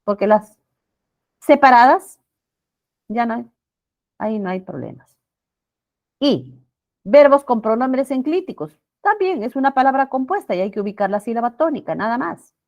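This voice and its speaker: A woman's voice: fairly high pitch, animated, darkish tone, dull audio. Woman teacher explaining spelling rules. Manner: explanatory, repeats points and checks with "¿ya?"; stretches out example words slowly. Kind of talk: classroom lecture on spelling rules.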